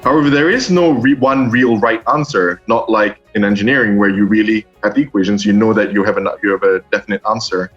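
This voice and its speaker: Hesitant young man with soft music behind. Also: lowish voice, a little fast, hardly any pauses. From Singapore. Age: young adult. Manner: hesitant, many ums and restarts. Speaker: master's student. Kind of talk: interview answers. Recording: dull lo-fi sound with faint music.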